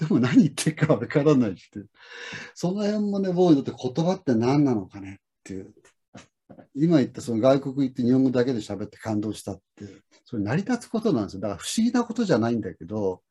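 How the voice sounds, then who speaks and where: Hosting a casual talk on lessons, a middle-aged man tells stories in a reflective, rambling way with many fillers. His mid-range voice is mellow and slightly rough, and he speaks fast with a sing-song lilt.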